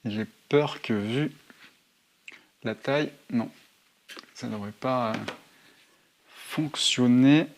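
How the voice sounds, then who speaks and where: This man draws out his words and leaves long pauses, his voice sitting in the mid-range. He's a motorcycle vlogger casually walking viewers through gear, musing aloud while he handles it, and background noise and clicks are audible.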